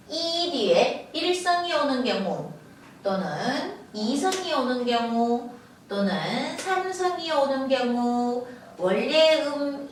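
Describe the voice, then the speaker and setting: A woman's voice: sits high, a bit bright, distant mic, a little hiss or hum. A woman teaching the tones of Chinese, stretching out and repeating each syllable as a model. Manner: slow, drawn-out model pronunciations with repeated syllables. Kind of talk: Chinese tone lesson in Korean. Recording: echoey room, voice from off-mic.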